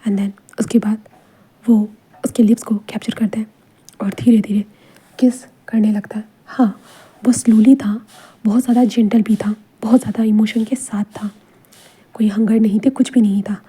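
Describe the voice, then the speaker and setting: Whispered role-play narrator: woman, very mellow, husky breathy tone. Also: mid-range voice, steady tone, normal speed. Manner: casual whispered narration mixing Hindi and English. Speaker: storyteller.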